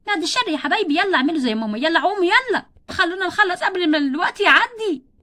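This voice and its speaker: Woman voicing a bossy doll mother, Egyptian accent, very high voice, bright tone, scolding. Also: lively intonation, heavily acted. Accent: Egyptian Arabic. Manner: scolding, quick-tempered. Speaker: doll-play storyteller. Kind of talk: toy doll role-play.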